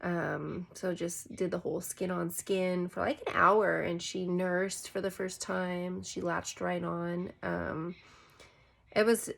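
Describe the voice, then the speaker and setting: Chatty young woman with a gravelly edge. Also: lowish voice, level tone, slow, a bit bright. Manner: chatty, heavy use of "like" fillers. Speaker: vlogger. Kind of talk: casual personal storytelling.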